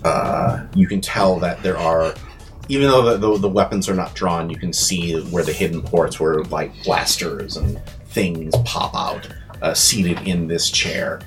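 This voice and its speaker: A man narrating a tabletop role-playing game as game master, pausing often with fillers while he describes the scene. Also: sits low, music in the background.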